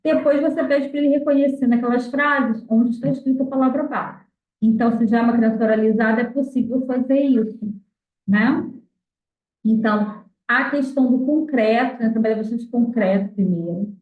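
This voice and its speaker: A Brazilian woman with a slightly high voice walks through her reading method patiently, pausing on fillers as she explains. She sounds far from the mic, in an echoey room, through thin phone-like audio. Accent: Brazilian Portuguese. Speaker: mother teaching her child to read. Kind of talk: explanatory talk on literacy.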